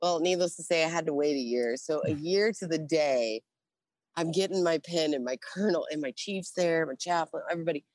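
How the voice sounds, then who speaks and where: A woman's voice: low-pitched, a little fast, a little mellow, no room sound. A woman in a casual interview, telling military stories with a lot of swearing, frequent laughs and acted-out voices of other people. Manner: profane, laughing, acts out voices in anecdotes. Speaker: interview guest, Navy veteran. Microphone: phone or call recording.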